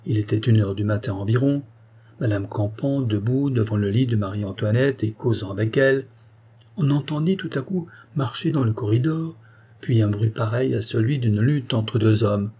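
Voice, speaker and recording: A man narrating a classic novel as an audiobook, reading in a measured, solemn way. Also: mid-range voice, dark tone, husky.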